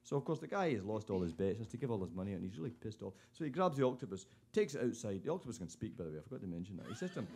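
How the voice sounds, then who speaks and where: Lively man telling pub jokes on stage. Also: lowish voice, very fast, few pauses, husky. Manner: lively storyteller, voices characters in his jokes. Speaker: folk band member telling jokes on stage. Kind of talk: live stage banter and joke telling. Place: live concert venue with an audience.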